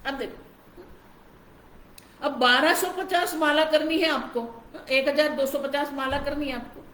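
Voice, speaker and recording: A woman's voice: high voice, fairly even intonation, a little slow, fairly bright tone, reverberant, slight background noise, low-quality recording. A woman spiritual teacher giving a scripture discourse, explaining patiently and often calling her listeners to look closely. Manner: explanatory, repeats "ab dekho" to engage listeners.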